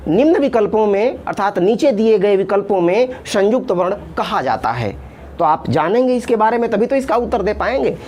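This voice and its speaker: A woman with a fairly high, slightly mellow voice teaches a Sanskrit grammar lesson at a board, with a little background noise present. She patiently says each term in Sanskrit and then in Hindi, stretching out the vowel sounds as she speaks.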